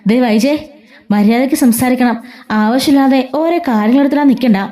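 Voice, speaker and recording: Woman as a stern patriarch, firm and admonishing, high mellow voice. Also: moderate pace, natural voice. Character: older man, stern head of the family.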